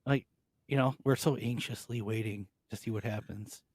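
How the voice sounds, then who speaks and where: A man's voice: lowish voice, steady tone, moderate pace, darkish tone, no room sound, studio quality. A man co-hosting a casual, mocking chat, reading out listings and laughing often. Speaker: co-host.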